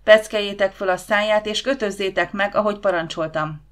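A woman voicing a brutal, enraged green Martian male tyrant in an audiobook, shouting harshly. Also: mid-range voice, close to an everyday voice. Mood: furious. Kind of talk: audiobook character reading.

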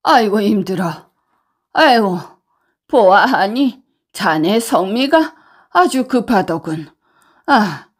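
A woman voicing a scheming, hot-tempered rich old man in a folktale, coaxing and grumbling with sighs. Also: mid-range voice.

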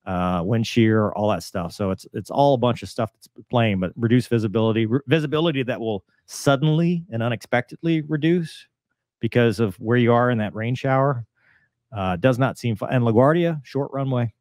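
On a video call from a small room at home, a forties-aged host who once flew fighters and airliners explains things in a relaxed, conversational way, using pilot jargon. His voice is medium-pitched and a little mellow, at normal speed, with clean studio sound and no echo.

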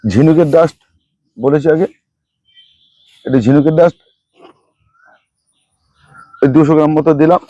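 A man's voice: fairly high pitch, fairly even intonation, a little slow, pauses often, mellow, no room sound, lo-fi sound. A middle-aged man, hosting a gardening channel, who walks through a fertilizer mix and names and repeats each ingredient and amount as he goes. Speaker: rooftop gardening channel host. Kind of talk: hands-on gardening demonstration.

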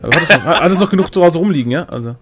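Lively, playful gamer. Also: male voice, on the high side, racing. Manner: playful, fumbling recitation. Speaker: let's play gamer. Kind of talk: casual gaming banter. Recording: voice chat with faint background music.

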